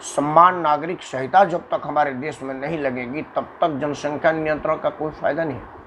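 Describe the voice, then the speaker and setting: A man's voice: on the high side, fairly even intonation, brisk, fairly bright tone, slight background noise, low-quality recording. A man from Uttar Pradesh giving an emphatic political monologue, repeating phrases and swinging his intonation to make points. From Uttar Pradesh, India. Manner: emphatic, repetitive, demonstrates intonation with dramatic shifts. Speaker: political commentator. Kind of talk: monologue to camera.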